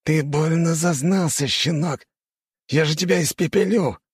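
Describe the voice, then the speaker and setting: A man voicing an arrogant, hot-tempered fire-mage count who hisses and shouts with contempt in an audiobook. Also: a little high, animated, fairly quick, no echo, pitched above the performer's own voice. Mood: furious.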